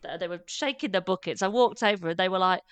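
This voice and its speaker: Brief: woman, podcast co-host, chatty and animated, smooth and crisp voice, dry close sound. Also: lowish voice, fast talker, no room sound. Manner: chatty, animated, laughing asides. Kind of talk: casual chat.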